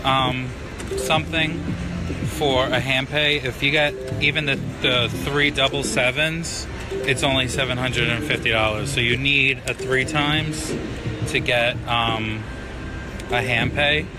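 A man with a mid-range voice talks casually to his viewers while playing slots, explaining as he goes. Loud game music plays all around him on the casino floor. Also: mid-range voice, fairly even intonation, measured pace. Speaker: slot machine player and video host. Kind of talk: casual running commentary while gambling. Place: casino floor at a slot machine. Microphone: handheld camera, speaker off screen. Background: loud slot machine music.

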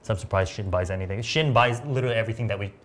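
A man's voice: on the low side, racing, a bit bright. A man in his thirties, a makeup artist hosting a beauty livestream, chatting and teasing casually in a studio. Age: 30s. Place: bright studio set.

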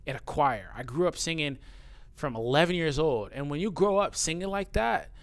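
In a fairly high, animated voice at a moderate pace, a YouTuber talks casually to camera while reading out viewers' comments. He's blunt, cursing frequently and getting heated, and describes his voice as sounding young.

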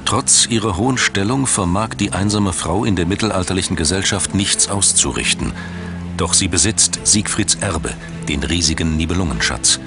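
A very deep male documentary narrator speaks in a measured, dramatic way over a bed of background music.

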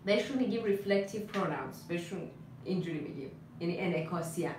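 A young woman, a native Persian speaker, teaching a live English lesson. She moves between Persian and English and slows down to drill words. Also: on the low side, expressive, background noise. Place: room, live stream. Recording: roomy, slightly distant mic with faint ambience.

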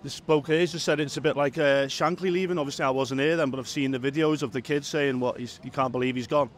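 A man's voice: mid-range voice, steady tone, fast. A man giving his view as a football fan in a street interview. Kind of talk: street vox pop interview. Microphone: handheld interviewer's microphone. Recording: outdoor street noise in background.

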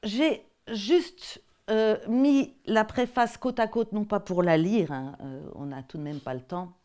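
Woman, French accent, academic lecture, hesitant, repeats words, mid pitch. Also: a little slow, a little mellow. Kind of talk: academic talk presenting textbook excerpts.

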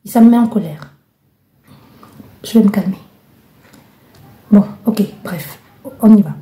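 A woman's voice: medium pitch, measured pace, warm tone. A woman from Belgium giving a spoken tarot guidance reading, talking straight to the listener with passion and many restarts. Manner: impassioned, addresses the listener directly, many restarts. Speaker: tarot card reader. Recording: echoey room.

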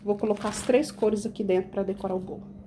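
A woman's voice: medium pitch, fairly even intonation, quick pace, warm tone, slight background noise. A woman chatting to her viewers while decorating a cake in her home kitchen, explaining each step. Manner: chatty, addresses viewers as "gente". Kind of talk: casual baking tutorial.

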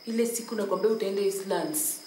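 A woman's voice: mid-range voice, quick pace, warm tone, a little hiss or hum, lightly acted. A woman with a Kenyan accent playing a cheeky, meddling house help in a TV sitcom, mixing Swahili and English. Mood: brazen muttering. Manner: mixes Swahili and English, brazen. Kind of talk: TV sitcom acting. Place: living room indoors. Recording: echoey room with music behind.

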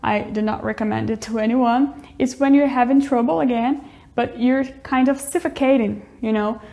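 High-voiced young woman teaching English. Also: normal speed, creaky, warm tone. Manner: cheerful, explains with little demonstrations. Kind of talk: casual teaching with acted demonstrations.

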